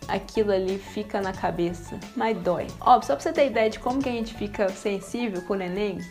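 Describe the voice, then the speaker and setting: A young woman from Brazil, vlogging casually to her viewers in a lively, expressive way. Her voice sits at an ordinary mid pitch for a woman. Faint music plays quietly underneath. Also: a little fast. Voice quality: lively, uses diminutives and exclamations. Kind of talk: casual storytelling to camera.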